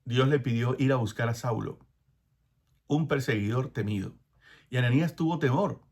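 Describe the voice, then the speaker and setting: Animated male preacher, hushed prayerful asides. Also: mid-range voice, moderate pace. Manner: acts out biblical dialogue with hushed prayerful asides; animated, laughs between phrases. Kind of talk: sermon.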